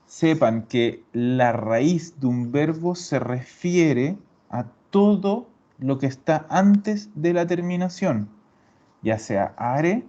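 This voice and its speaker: An Italian teacher with a fairly high-pitched, warm voice leads a grammar class, explaining step by step and patiently repeating what his students answer. The recording is dull and lo-fi.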